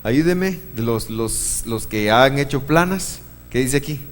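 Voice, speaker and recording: A man's voice: mid-range voice, lively intonation, unhurried, big-room sound. A man teaching a church Bible class, explaining step by step and quizzing his listeners. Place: church meeting room.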